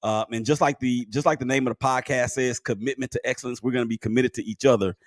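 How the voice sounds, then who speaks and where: Animated man co-hosting a sports podcast. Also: mid-range voice, fast, dry recording, clean studio sound. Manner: animated, laughs often, pleading. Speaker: podcast co-host. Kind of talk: casual sports podcast chat.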